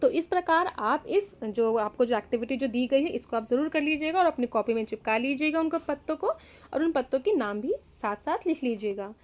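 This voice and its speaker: A woman's voice: sits high, expressive, a little fast. A woman teacher explaining a worksheet to young children, patiently repeating words and calling them "children". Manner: patient, repeats each word, addresses "children" often.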